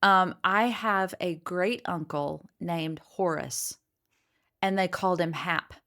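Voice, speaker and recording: A middle-aged woman co-hosts a casual podcast chat. Her voice sits on the low side, and she gushes warmly over old-fashioned names. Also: slow pace. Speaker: podcast co-host.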